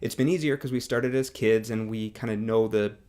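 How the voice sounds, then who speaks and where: A man teaching singing with a guitar, explaining in a relaxed, casual way, with guitar playing under his voice. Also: on the low side, fairly quick. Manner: relaxed explaining, demonstrating on guitar, hums along with notes. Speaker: music teacher.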